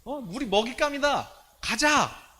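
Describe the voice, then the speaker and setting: A man voicing two bold scouts who urge the people on with eager, rousing shouts. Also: very high voice, lively intonation, measured pace, a little hiss or hum, pitched above the performer's own voice, heavily acted. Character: two bold young male scouts, fired up.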